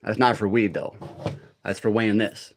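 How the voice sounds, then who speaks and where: A man's voice: on the low side, steady tone, normal speed, slight background noise. A middle-aged man hosting a live workout, talking casually and in a rambling, conversational way to his viewers. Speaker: livestream workout host. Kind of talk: casual livestream chat during a workout.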